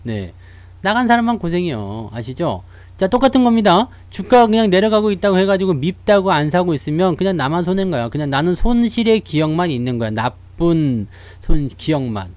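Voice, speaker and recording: A man talks stocks with his viewers in a loose, chatty way, often breaking into laughter. His voice sits somewhat high and swings widely in pitch. The sound is dry, with no room around it. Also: expressive, fairly quick, darkish tone, dry recording. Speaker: stock market commentator. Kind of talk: casual talk to viewers.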